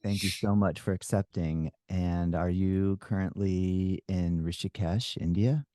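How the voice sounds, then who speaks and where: A man's voice: sits low, steady tone, measured pace, no room sound, clean studio sound. A man hosting a podcast, asking questions in a friendly, appreciative way. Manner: warm, appreciative, laughs easily. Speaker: podcast host. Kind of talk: casual interview conversation.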